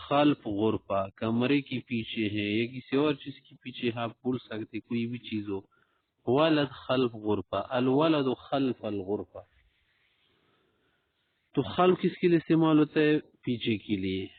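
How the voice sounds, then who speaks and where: Man teaching slowly, phone-like sound. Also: mid-range voice. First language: Urdu. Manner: slow, repeats example phrases for learners. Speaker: Arabic teacher. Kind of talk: language lesson. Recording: dry, phone-like audio.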